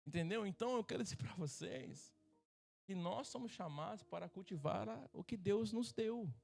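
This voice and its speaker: A man's voice: sits high, moderate pace, creaky, darkish tone. A middle-aged Brazilian man preaching as a pastor at a church service, joking and acting out voices from his stories. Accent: Brazilian Portuguese. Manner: humorous, acts out quoted voices. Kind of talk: sermon.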